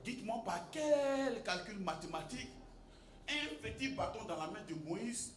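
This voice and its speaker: A man preaching a sermon, swinging between shouted emphasis and quiet storytelling and coming back to a repeated refrain. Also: high voice, expressive, unhurried, roomy sound, slight background noise.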